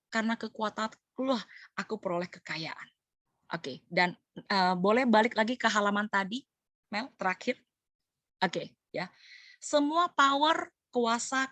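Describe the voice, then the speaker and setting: A middle-aged woman leading a church cell group, preaching in a lively way, acting out quoted voices and mixing slang with English. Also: mid-range voice, no room sound. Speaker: cell group leader sharing a sermon.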